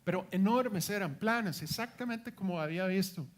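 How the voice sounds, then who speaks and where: High-voiced man preaching a testimony sermon. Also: moderate pace. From United States. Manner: storytelling, acts out quoted dialogue, emphatic repetitions.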